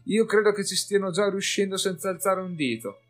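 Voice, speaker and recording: A man's voice: high voice, fairly quick, voice pushed up, natural voice. A man voicing a weary male warrior, speaking earnestly with his voice lifted a little, with faint music behind.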